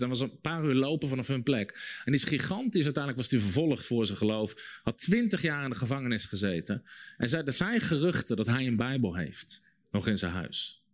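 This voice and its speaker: A young man preaching a sermon, telling a story vividly and repeating phrases for emphasis. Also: mid-range voice. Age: young adult.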